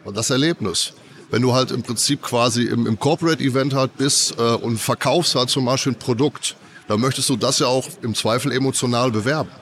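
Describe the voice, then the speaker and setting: An audio company representative with a cold explains audio tech during a casual trade-fair interview, speaking loosely with plenty of fillers. His voice is medium-pitched, a bit bright and fairly quick.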